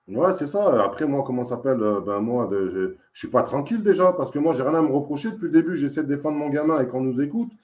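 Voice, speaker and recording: A man speaking fast in a casual interview, his voice mellow and warm. He tells his story emphatically, circling back and repeating his points. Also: medium pitch, lively intonation, reverberant. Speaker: interviewee, father in dispute with social services. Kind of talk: casual testimony.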